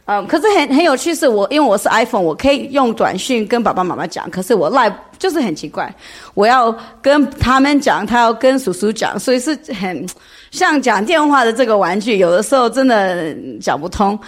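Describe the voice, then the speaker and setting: A woman's voice: fairly high pitch, animated, fairly quick. A woman with a foreign accent telling a personal story informally in non-native Mandarin, searching for words and mixing in English. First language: not a native Mandarin speaker. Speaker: speaker giving a testimony.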